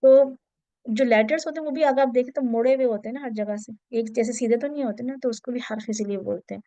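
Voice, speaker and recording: Woman, teacher, interactive class lecture, explanatory, mixes in English terms, checks in with listeners, higher voice, dry sound. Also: mellow, no echo.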